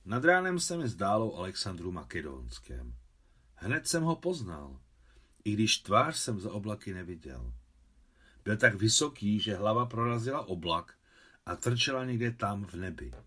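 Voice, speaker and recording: A man calmly reading his own translation of a novel aloud in a measured storytelling manner. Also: fairly low pitch, breathy edge.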